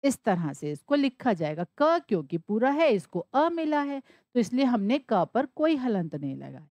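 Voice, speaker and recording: A woman's voice: on the high side, very animated, normal speed, a little mellow, no echo, highs cut off. A woman teaching Sanskrit, spelling words out letter by letter and asking and answering her own questions. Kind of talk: classroom explanation.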